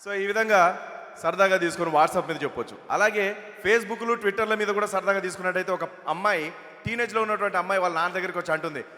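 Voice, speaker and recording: A man's voice: sits high, fast, pushed and bright. A male mimicry comedian chatting on a stage at a film event, setting up jokes in a reverberant hall.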